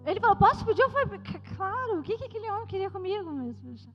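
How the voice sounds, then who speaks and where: A Brazilian woman missionary giving a joking, lively testimony to a youth church service. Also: very high voice, quick pace. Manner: lively, joking storyteller addressing the crowd. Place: church hall. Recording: reverberant church hall, slightly dull sound, music behind.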